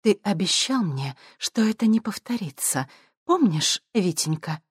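Icy, calm menacing mother, read by a woman. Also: medium pitch, breathy edge, no room sound, clean studio sound, pitched above the performer's own voice. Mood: cold menace. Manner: calm, cold, measured. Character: cold, ruthless wealthy mother, calm and menacing.

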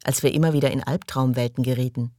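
A man's voice: mid-range voice, fairly even intonation, quick pace, mellow, no room sound, clean studio sound, close to an everyday voice. A man reading the part of a distraught, lonely young woman in an audiobook, his voice raised and pleading. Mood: anxious, forlorn.

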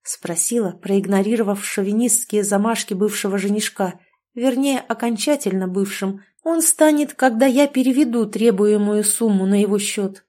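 A woman narrating a novel in the first person, with an expressive, lively delivery. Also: mid-range voice, moderate pace. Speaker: audiobook narrator.

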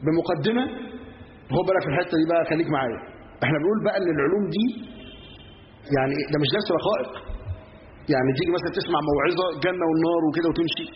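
Egyptian guy preaching fast, high-ish voice, asks stuff then answers it, dull echoey recording. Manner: rapid, emphatic, asks and answers his own questions. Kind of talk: Egyptian Arabic sermon lesson. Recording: roomy, echoey, dull, faint hiss.

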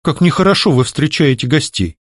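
A man's voice: a little high, very animated, brisk, slightly rough, dry recording, clean studio sound, voice pushed up. A man voicing a bold young heroine who answers her captor in a teasing, sweetly mocking way. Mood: sweetly defiant.

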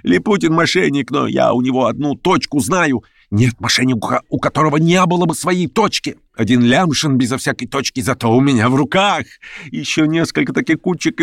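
A man voicing a frantic, feverish young male conspirator who pleads in a high, breathless rush. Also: gravelly, no echo, clean studio sound. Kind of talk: audiobook character reading.

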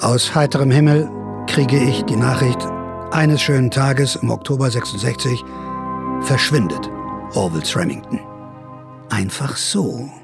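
Loud music sits behind a man's medium-pitched voice, measured and full of vocal fry, with frequent pauses. Playing a wry, theatrical ex-hippie from the sixties who rambles sardonically, he narrates a radio drama as its amateur investigator, musing wryly.

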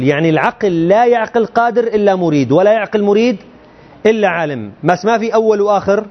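A high-voiced man, captured on dull audio, teaches students a religious text by explaining a creed. He speaks colloquially and frequently fires rhetorical questions their way.

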